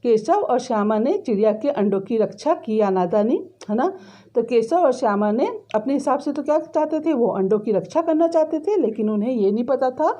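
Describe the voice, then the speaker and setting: A woman's voice: on the high side, lively intonation, moderate pace, mellow. A woman teacher, reading a story to students, then retelling each line in simple words with frequent tag questions. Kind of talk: explaining a story lesson.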